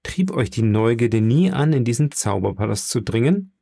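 A man's voice: medium pitch, very animated, moderate pace, gravelly, dark tone, no echo, studio quality. A man reading as a curious young nobleman. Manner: probing, asks question after question.

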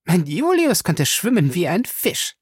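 Ein Mann spricht eine hitzige, empörte junge Ehefrau in einer Hörbuchlesung, mit hoher, schneller, schriller Stimme. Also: male voice, big pitch swings, darkish tone, no echo, studio quality. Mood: proud. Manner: high, fast, shrill outbursts. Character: Fay, a fiery, indignant young wife.

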